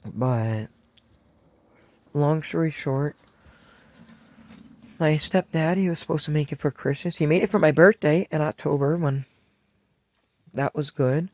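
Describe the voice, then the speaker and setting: Gravelly young man telling his story. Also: on the high side, a little slow, pauses often. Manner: rambling, heartfelt, acts out past dialogue. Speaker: vlogger. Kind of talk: casual personal storytelling.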